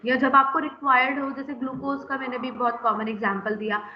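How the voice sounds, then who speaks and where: A woman's voice: high voice, steady tone, fairly quick, reverberant, dull audio. A woman teaching a pharmacy class, explaining step by step, often checking in with the students and mixing in English terms. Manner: explains step by step, keeps asking "है ना?". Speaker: pharmacy lecturer. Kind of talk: classroom lecture.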